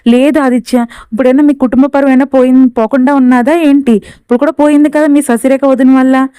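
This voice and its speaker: A woman's voice: high voice, fairly even intonation, fairly quick, dark tone, clean tone, dry recording, close to an everyday voice. A woman voicing an angry young woman in a serial recap, speaking bitterly and heatedly. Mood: indignant.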